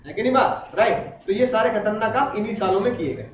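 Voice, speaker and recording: Brief: quick, very high-voiced male teacher, joking with students, recorded from across an echoey classroom. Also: animated, slight background noise. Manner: chatty, asks the class questions and jokes. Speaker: law teacher. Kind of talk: classroom lecture. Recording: roomy, distant, dull classroom recording.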